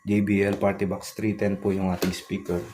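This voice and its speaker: A man calmly walks through a product review in a polite, explanatory way. His voice sits very low and stays level, with little rise or fall. A faint hiss sits under the recording. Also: normal speed. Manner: polite, plain step-by-step explaining.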